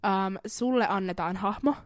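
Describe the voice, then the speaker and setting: A woman's voice: medium pitch, no echo. Playful woman podcast host, dry sound. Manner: playful, giggly, drops to near whispers. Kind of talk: casual podcast game chat.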